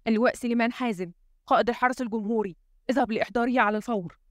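A woman's voice: fairly high pitch, fast talker, a little mellow, dry recording, studio quality, close to an everyday voice. Woman doing a tense, commanding male president. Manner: muttering, urgent and commanding. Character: tense, suspicious male head of state.

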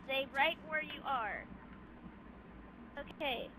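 A woman with a high voice hosts an online game, bossily directing the players in casual speech. Her voice chat is clearly noisy. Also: slow. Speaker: game host giving rules. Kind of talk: casual instructions over voice chat.

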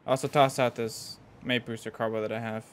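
A man's voice: medium pitch, level tone, a little fast, slight background noise. A young man giving casual gameplay commentary in slangy, sweary frat-bro talk. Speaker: gaming video host.

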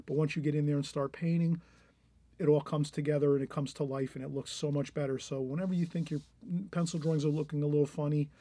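Mellow, husky man teaching painting. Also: fairly high pitch. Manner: encouraging, rambling, many restarts. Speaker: art teacher. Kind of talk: painting tutorial, thinking aloud while drawing.

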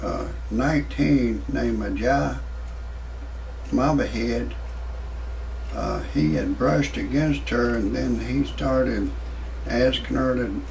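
A man's voice: medium pitch, slow, gravelly, pauses often, a little mellow, slight background noise, rough recording. A man in his sixties hosting a parody show, rambling through a comic monologue with many fillers and restarts. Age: 60s.

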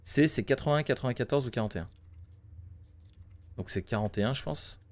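A man's voice: medium pitch, brisk, darkish tone. Male streamer, thirties, mid-range voice, offhand live gameplay commentary, thinking aloud and addressing chat. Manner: muttering to himself and addressing chat. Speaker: game streamer.

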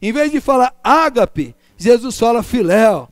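A man preaching a sermon in a strikingly high voice. He delivers repetitive lists with fervor, swinging between raised cries and hushed low passages. The recording is close and dry, with no room sound. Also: expressive, a little slow, no room sound.

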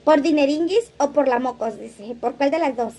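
Livestream host, woman, high voice, gossipy and playful. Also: moderate pace, dark tone. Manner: chatty, laughs often, reads comments aloud. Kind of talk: casual livestream chat reading comments.

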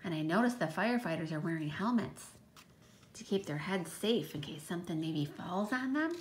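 A woman teacher's lowish, lively voice carries a picture-book read-aloud for young children at normal speed, with slight background noise. She speaks emphatically to the kids and stops now and then to ask questions and explain.

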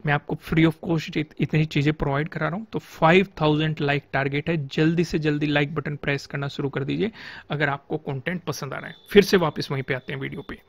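High-voiced man teaching chart trading. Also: fairly even intonation, fairly quick, vocal fry, no echo. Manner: explanatory, rhetorical questions to the viewer. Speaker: stock market trading teacher. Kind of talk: chart analysis lesson.

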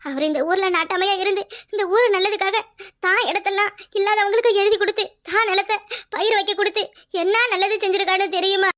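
A woman puts on an emotional older village mother for a cartoon, who pleads and scolds. Her voice is strikingly high and bright, and her words come out fast. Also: fairly even intonation. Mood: grieving. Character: worried, tearful older village mother and sister. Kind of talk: cartoon voice acting.

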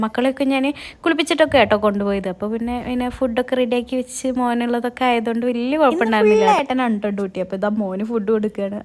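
A woman, talking through a casual vlog while in pain after a tooth extraction, chatty and adding tag words as she goes. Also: fairly high pitch. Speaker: vlogger.

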